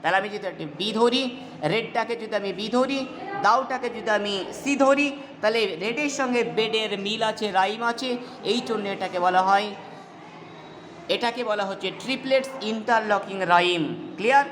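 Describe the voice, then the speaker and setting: A woman teaches a poetry lesson, her voice sitting a little high. She keeps asking her students whether they have understood. The recording has a long hall reverb, and steady background noise stays clearly audible. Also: moderate pace. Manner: checks in with rhetorical questions. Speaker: English literature teacher. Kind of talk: explaining a poem in a lesson.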